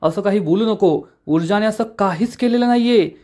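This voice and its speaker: A man's voice: sits high, moderate pace, pitched above the performer's own voice, close to an everyday voice. A man voicing an angry young son who defends his wife, in an indignant, raised voice during a serial recap. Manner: shouting, indignant. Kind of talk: dramatic reading of a TV serial recap.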